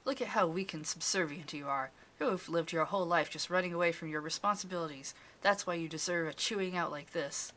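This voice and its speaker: Stern older woman, condescending, demanding, bright forceful voice, a woman doing the voice. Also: on the low side, a little fast, hardly any pauses, close to an everyday voice. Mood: scolding. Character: stern older woman scolding a kneeling girl.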